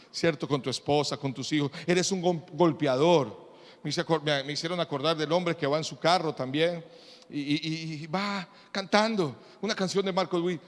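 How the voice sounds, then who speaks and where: High-voiced pastor preaching in an echoey hall. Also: male voice. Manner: animated, telling humorous anecdotes. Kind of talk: sermon. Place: church in Panama.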